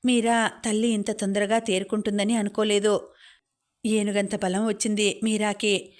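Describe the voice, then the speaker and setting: Woman narrating a novel in a flat voice. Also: mid-range voice. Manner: steady, even storytelling. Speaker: audiobook narrator.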